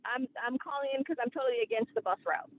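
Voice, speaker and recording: A woman calling in on a car speakerphone while driving, giving testimony in a hurried, halting, apologetic way over a tinny phone line. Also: high voice. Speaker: caller.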